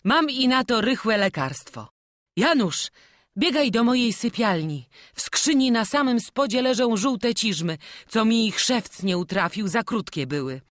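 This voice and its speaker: A woman doing a frail gentle prince. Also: fairly high pitch, lively intonation, a little slow, dry recording, clean studio sound, voice pushed up. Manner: soft, kindly, old-fashioned courtly speech.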